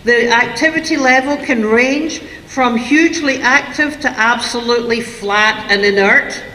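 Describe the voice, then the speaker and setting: A woman giving a lively lecture to parents on raising teenagers. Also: fairly high pitch, unhurried, slight background noise. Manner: lively, acts out parents and kids in quotes. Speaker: speaker on teen parenting. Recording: echoey hall, long reverb.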